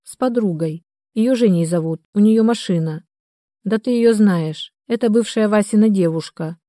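A woman's voice: mid-range voice, moderate pace, dark tone, dry recording, clean studio sound, natural voice. Woman reading as a guarded grown daughter.

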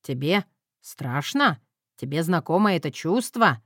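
A woman voicing a hoarse, gruff young man who grumbles wearily in an audiobook. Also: deep voice, unhurried, dry recording, studio quality. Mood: weary. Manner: grumbling, weary.

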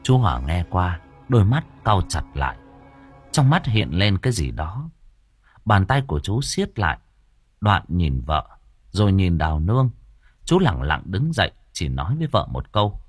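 A man narrating an audiobook story in a dramatic, animated reading. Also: low-pitched, normal speed. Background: faint music.

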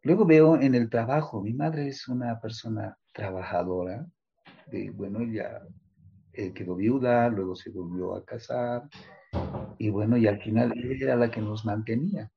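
A man with a low, gravelly and husky voice talks slowly and haltingly about his family in an interview. The lo-fi audio sounds dull. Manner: slow, halting, many fillers. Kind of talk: reflective interview talk.

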